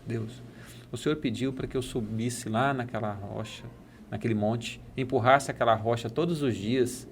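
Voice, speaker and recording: A man's voice: medium pitch, fairly even intonation, moderate pace, slight background noise, close to an everyday voice. A Brazilian man voicing a devout, humble man in a parable he tells, pleading and reverent, with a Brazilian Portuguese accent.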